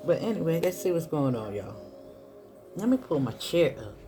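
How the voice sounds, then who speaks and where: A woman's voice: sits low, big pitch swings, moderate pace. Woman, tarot reader, casual chatty delivery, says y'all, background music. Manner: chatty, addresses viewers as y'all. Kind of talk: casual spiritual card reading.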